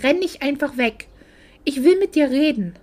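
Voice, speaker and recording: Woman doing an upset young daughter, indignant and emotional, highish voice, audiobook. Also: animated, normal speed, a little mellow. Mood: hurt, angry. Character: hurt, angry young woman home for Christmas.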